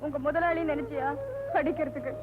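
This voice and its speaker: An actress playing a sharp-tongued, upset village girl in a dubbed film. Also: high voice, fairly even intonation, a little fast, very noisy, natural voice. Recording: narrow lo-fi film soundtrack with music.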